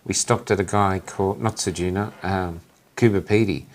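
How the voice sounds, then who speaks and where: A man, a guest on a chat stream, telling road anecdotes in a lively casual way and laughing often. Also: sits low, moderate pace, slight background noise. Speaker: guest, traveling activist.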